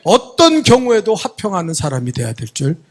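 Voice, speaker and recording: A man's voice: high voice, fairly quick. A man pastor telling a story in a sermon, acting out the people in it. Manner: animated storytelling, acting out quoted voices. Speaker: senior pastor. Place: church sanctuary.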